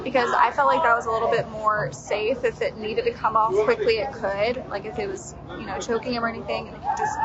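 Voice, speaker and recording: A woman's voice: on the high side, steady tone, a little fast, hardly any pauses. A woman small business owner answering interview questions casually at a market stall, explaining things in a friendly, slightly rambling way. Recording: muffled outdoor audio with crowd. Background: crowd chatter.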